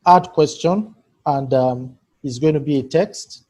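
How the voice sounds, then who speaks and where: An online workshop trainer with a husky, mellow, fairly high voice leads a live video-call session, walking through a data tool on a screen share. He is patient and unhurried, asking attendees by name for feedback. His voice comes through a computer mic on the call.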